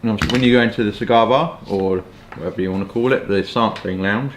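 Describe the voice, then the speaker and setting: Talking fast in a lowish voice, a pipe and cigar vlogger in his twenties from southeast England keeps things casual and rambling, hedging as he goes. He records in a small furnished room at home, with roomy echo and some background noise.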